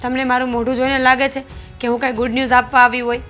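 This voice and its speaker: A young woman playing a newly married wife in a short film, loud and complaining, with soft music behind. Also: high-pitched, flat delivery, rapid-fire. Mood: indignant. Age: young adult.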